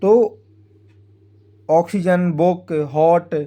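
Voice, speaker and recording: A man's voice: sits high, little pitch movement, extremely slow, dark tone. A man teaching English phonics in Hindi, spelling words out letter by letter and often checking in with the listener. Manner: frequent tag "है ना" checking with the viewer.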